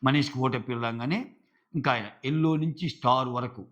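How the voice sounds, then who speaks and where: A man's voice: medium pitch, fairly quick, a bit bright, muffled recording. A man giving a casual, chatty recap of a reality show episode, full of fillers. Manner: chatty, filler-heavy retelling. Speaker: show reviewer.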